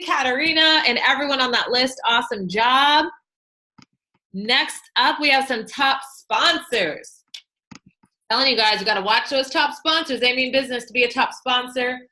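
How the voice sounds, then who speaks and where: A young woman hosting a team call, reading out shout-outs and announcements in an enthusiastic, chatty, cheerleading way with frequent fillers. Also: a little high. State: newly pregnant and feeling sick.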